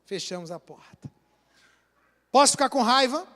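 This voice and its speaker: A man's voice: very high voice, moderate pace. A man with a Brazilian Portuguese accent, a pastor preaching a sermon in a church hall, acting out little scenes as he talks. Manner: animated, acts out little scenes and quotes.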